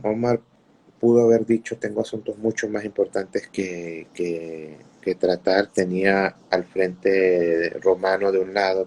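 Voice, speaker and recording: A male preacher telling religious stories to listeners in an unhurried way, often repeating words while he searches for the next one. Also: low voice, darkish tone. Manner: greets listeners mid-talk. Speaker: Islamic preacher. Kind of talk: religious storytelling talk.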